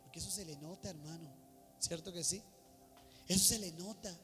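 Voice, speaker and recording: A man's voice: high-pitched, normal speed, pushed and bright, long reverb tail, faint music behind. A man preaching a fervent sermon as pastor, acting out congregants' prayers in quoted asides.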